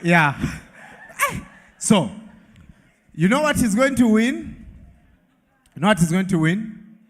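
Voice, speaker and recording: In a large event hall before a live audience, a male emcee with a Ugandan English accent teases the crowd playfully and laughingly while hosting a lively event. His voice is high, husky, and very animated yet unhurried, with long hall reverb over the PA.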